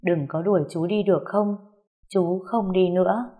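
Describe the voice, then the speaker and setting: A woman reading aloud and voicing a man, an uncle who pleads softly with the girl he loves. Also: fairly low pitch, fairly even intonation, moderate pace, narrow, tinny audio, natural voice. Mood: pleading.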